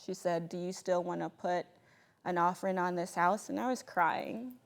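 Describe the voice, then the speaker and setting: Animated woman telling a personal story. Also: fairly low pitch, normal speed, creaky. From Bahamas. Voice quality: animated, laughs often, quotes people in voices.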